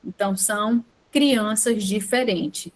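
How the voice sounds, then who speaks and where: A woman gives an online lesson, explaining step by step, checking in with a quick "tá?" and correcting herself mid-sentence. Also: mid-range voice. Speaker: teacher preparing students for a teaching exam.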